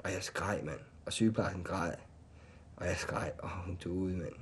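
A man telling personal stories in loose, colloquial speech who often drops to a quiet, low voice when recalling pain. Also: a little hiss or hum. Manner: loose, colloquial, keeps adding "ikke?" and "mand". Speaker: interviewee. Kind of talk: candid personal storytelling.

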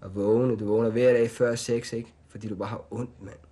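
A man telling personal stories in loose, colloquial speech who often drops to a quiet, low voice when recalling pain. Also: fairly even intonation. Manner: loose, colloquial, keeps adding "ikke?" and "mand". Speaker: interviewee. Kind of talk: candid personal storytelling.

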